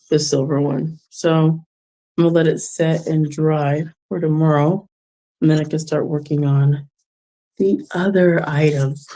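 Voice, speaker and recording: A woman talks casually to her viewers while working on a craft. Her delivery is slow and unhurried, with a mellow, darker tone. She muses reflectively, gives gentle advice, and breaks into soft chuckles. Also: low-pitched. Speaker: vlogger giving life advice.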